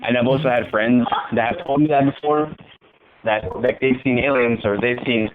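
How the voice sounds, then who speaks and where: A man calling in over the phone to a live show, asking questions in a halting, hesitant way. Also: mid-range voice, fairly even intonation. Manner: halting, hesitant, many restarts. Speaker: caller. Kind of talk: casual call-in chat. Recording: tinny phone line with faint hiss.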